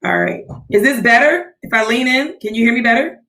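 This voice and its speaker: A woman's voice: on the high side, brisk, sharp tone. A woman speaking on speakerphone from a nearly empty office, so she sounds far away, chatting casually on a livestream show. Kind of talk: casual debate chat. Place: near-empty office with an echo. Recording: echoey speakerphone audio in a bare room.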